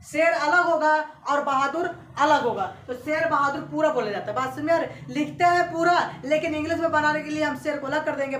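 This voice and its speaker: A woman teacher giving a classroom lesson, spelling out letters slowly and often checking that her students follow. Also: sits high, fairly bright tone. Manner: repetitive, keeps checking students understand. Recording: echoey room from far off, faint hiss.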